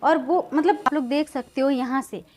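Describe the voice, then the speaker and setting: High-voiced woman telling a story, rambling. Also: moderate pace. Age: 30s. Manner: rambling and hesitant, heavy filler words, grows agitated and loud. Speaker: vlogger. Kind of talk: casual storytelling vlog.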